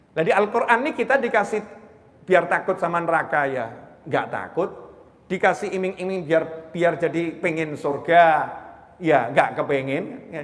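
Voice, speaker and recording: High-voiced preacher in a reverberant hall. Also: male voice. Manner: emphatic, rhetorical questions, swings between loud and hushed. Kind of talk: sermon.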